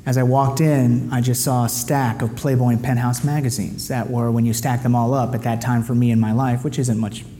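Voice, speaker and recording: A man's voice: medium pitch, level tone, a little fast, few pauses, dark tone. A man giving a candid, confessional personal testimony and prayer as a guest speaker at a men's gathering. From United States. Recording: long hall reverb, faint background noise.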